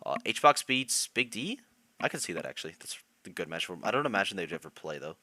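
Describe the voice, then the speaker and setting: A young male streamer talking casually to his chat, with a low voice that swings up and down. His tone is bright and a little sharp. He laughs easily and keeps reacting to what viewers say. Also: sing-song, quick pace, no room sound. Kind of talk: casual live-stream commentary.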